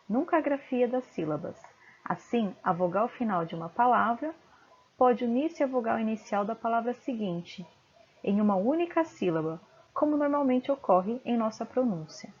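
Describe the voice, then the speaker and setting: A woman's voice: fairly high pitch, lively intonation, normal speed, darkish tone, breathy edge, muffled recording. A woman teacher giving a home-recorded video lesson, patiently sounding out syllables one by one.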